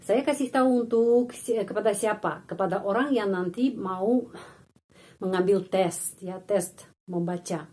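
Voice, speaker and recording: Woman slowly modeling pronunciation as a teacher. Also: mid-range voice, a little mellow. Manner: slow, deliberate, repeats words to model pronunciation. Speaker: Russian language teacher. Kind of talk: pronunciation lesson.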